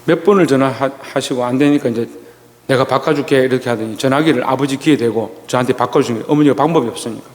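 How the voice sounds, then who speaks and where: Halting man preaching in echoing church. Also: medium pitch, darkish tone. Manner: slow, halting storytelling with many pauses and restarts. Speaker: pastor. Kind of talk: sermon. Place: church sanctuary.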